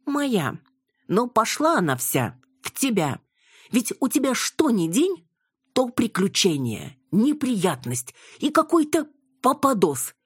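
A woman voicing a sharp-tongued, nervous older mother with a tart, sardonic way of talking. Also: a little high, big pitch swings, slow, husky, no echo, studio quality, pitched above the performer's own voice, exaggerated voice.

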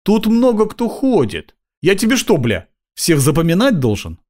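A man voicing a crude, raspy male street bum who swears and drawls. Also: high voice, wildly swooping pitch, normal speed, a little mellow, pitched above the performer's own voice. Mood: wheedling. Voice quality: raspy, hoarse.

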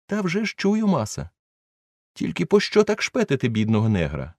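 A man voicing a fearful old male servant, in a high plaintive voice for an audiobook. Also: wildly swooping pitch, moderate pace, darkish tone, no echo, exaggerated voice. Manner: plaintive, pleading, high squeaky voice.

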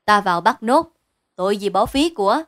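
A woman's voice: medium pitch, animated, normal speed, a bit bright, lightly acted. A woman voicing a grown male village hunter in a storybook reading, speaking in a grumbling, pressing way. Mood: urgent.

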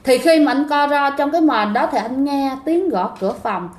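A woman's voice: sits high, moderate pace, a little mellow. A woman telling a ghost story in a chatty, casual way, talking straight to her listeners. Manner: chatty, addresses listeners directly. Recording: roomy echo.

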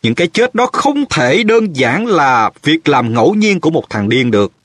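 A man's voice: on the high side, big pitch swings, normal speed, slightly rough, no room sound, pitched above the performer's own voice, full character voice. Man doing a stern, furious older woman professor. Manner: shouting, indignant.

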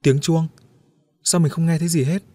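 A man voicing a young girl in an audiobook story, speaking softly and pleadingly with a slightly raised pitch. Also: fairly even intonation, moderate pace, dry recording, studio quality, natural voice. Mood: confused. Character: young girl, tender and bewildered.

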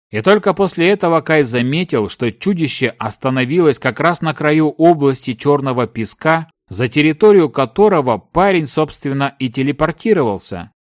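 A man narrating a fantasy story in a dramatic, expressive reading. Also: fairly high pitch, no room sound, studio quality. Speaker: audiobook narrator.

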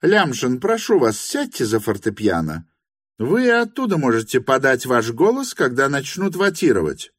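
A man's voice: very animated, moderate pace, dry recording, clean studio sound. A man reading an audiobook, voicing a bossy, suspicious middle-aged hostess who insists and commands. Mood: commanding. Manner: commanding, shrill and indignant.

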